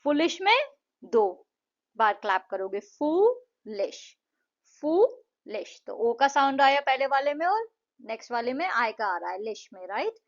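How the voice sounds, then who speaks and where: Woman tutor, slightly high voice, patient and slow on key words, dull lo-fi recording. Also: big pitch swings. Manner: patient, repeats words slowly to show syllables. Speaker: English tutor. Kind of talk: Hindi-English explanation of a textbook lesson.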